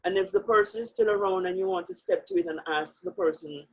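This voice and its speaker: A woman's voice: medium pitch, huge pitch swings, fast talker, creaky, husky. A woman speaking as a guest in an interview, talking earnestly and with emphasis, often breaking into laughter. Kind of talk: reflective interview talk. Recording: muffled lo-fi audio.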